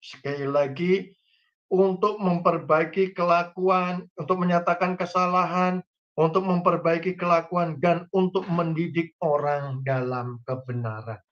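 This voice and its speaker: Male pastor delivering a sermon, slightly high voice, folksy asides, recorded on muffled lo-fi audio. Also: fairly even intonation, unhurried, a bit bright. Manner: addresses congregation directly, folksy humorous examples. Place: church online service.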